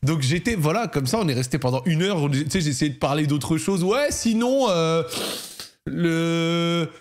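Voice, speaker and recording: Young Parisian male streamer, loose slangy storyteller, voice sits high. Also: fast. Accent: Parisian French. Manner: slangy, animated, laughs while telling stories. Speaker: streamer hosting a football debrief. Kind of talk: casual storytelling monologue to viewers.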